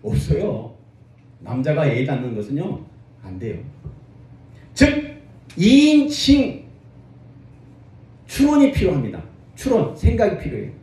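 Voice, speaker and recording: A man's voice: medium pitch, fairly quick, heavy reverb, distant mic. A man preaching a sermon as pastor, calling on the congregation to answer back. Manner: lively preaching with call-and-response to the congregation.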